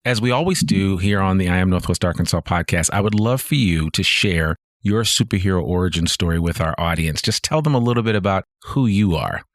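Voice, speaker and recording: Man, podcast host, low voice, enthusiastic, casual, dry sound. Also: fairly quick, few pauses, dry recording. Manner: upbeat, enthusiastic, laughs easily. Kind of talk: casual interview hosting.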